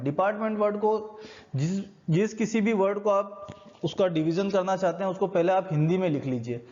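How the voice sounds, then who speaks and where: A male teacher with an Indian accent gives a recorded classroom lecture, patiently walking through each point step by step. His voice sits high for a man. The recording is dull and lo-fi. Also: darkish tone. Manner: patient step-by-step explaining, mixing Hindi and English. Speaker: school teacher.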